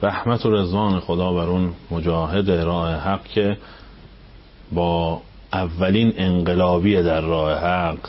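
A man, a cleric, giving a storytelling religious lecture. He fires off rhetorical questions, climbs high when stirred and sinks to near-whispers. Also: steady tone. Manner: impassioned, rising up high on questions, then dropping to near-whispers. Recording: dull radio broadcast sound.

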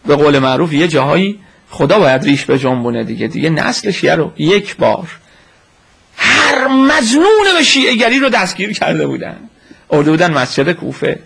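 A man delivering a storytelling lecture, his voice high and husky. He swings widely up and down as he acts out the story's speakers. He also answers questions from the floor. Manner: animated retelling with quoted voices. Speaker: religious lecturer.

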